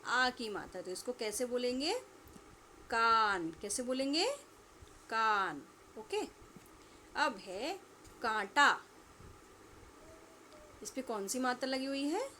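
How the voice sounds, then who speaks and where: A woman's voice: high-pitched, expressive, fairly bright tone, slight background noise. A woman teacher giving a lesson to young children, asking questions and answering them herself, and stretching out words for pupils to repeat. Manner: slow, drawn-out repetition for pupils to echo. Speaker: school teacher.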